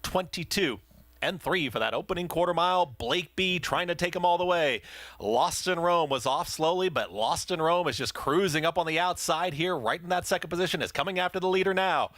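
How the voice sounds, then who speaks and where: A man's voice: on the high side, brisk, fairly bright tone, no echo. A man working as a race caller, giving live, urgent commentary on a horse race. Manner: urgent race caller delivery, building in intensity.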